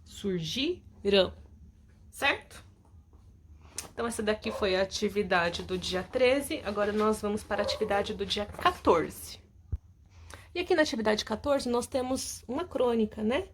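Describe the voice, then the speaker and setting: A woman's voice: mid-range voice, animated, normal speed, a little hiss or hum. A woman teacher recording a lesson at home, patiently going over homework answers and often checking with her students. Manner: explains patiently, keeps asking "tá?".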